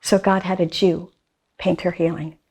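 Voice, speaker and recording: A woman guest artist talking casually in a faith interview, telling a story with animated emphasis and repeated phrases. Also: on the low side, moderate pace, breathy edge.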